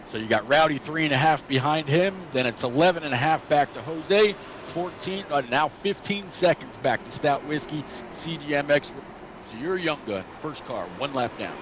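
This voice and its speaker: A man gives casual race color commentary in a slightly high voice, stopping and restarting as he checks the running order. Clear background noise runs under his voice. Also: expressive. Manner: rambling, halting, many "uh"s and restarts. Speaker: sim racing co-commentator.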